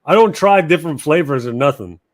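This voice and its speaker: A man's voice: a little high, expressive, a little fast. Podcast guest, male, forties, laid-back rambling talker. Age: 40s. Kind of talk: casual chat.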